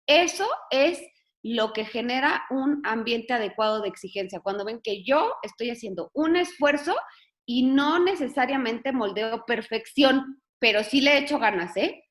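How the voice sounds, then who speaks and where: A woman's voice: fairly high pitch, expressive, unhurried. A woman with a Mexican accent giving an informal talk on raising children. She speaks conversationally, tells anecdotes, and often adds tag questions. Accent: Mexican Spanish. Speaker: family educator.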